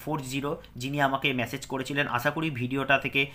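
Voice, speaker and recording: A man's voice: mid-range voice, little pitch movement, fast, pushed and bright. A man teaching a pronunciation lesson, patiently drilling syllables and checking in with his students often.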